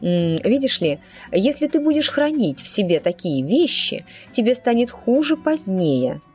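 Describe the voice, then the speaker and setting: A woman voicing a fussy, talkative middle-aged witch teacher in an audiobook, gently evasive in manner. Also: a little high, sing-song, measured pace, breathy edge, faint music behind, voice pushed up, heavily acted. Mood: chatty. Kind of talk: audiobook character voice.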